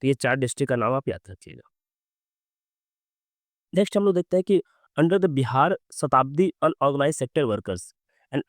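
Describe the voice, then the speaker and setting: A young man from Bihar teaches exam quiz questions despite a sore, hoarse throat, reading the English questions slowly and explaining them with many fillers. His voice is mid-range and a little mellow, captured in a dry, studio-quality recording.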